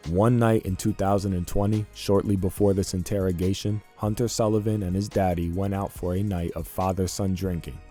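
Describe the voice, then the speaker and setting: A man with a very low, mellow voice delivers scripted commentary, steady and indignant. Soft music plays faintly underneath. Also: slightly rough. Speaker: commentary narrator. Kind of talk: scripted narration.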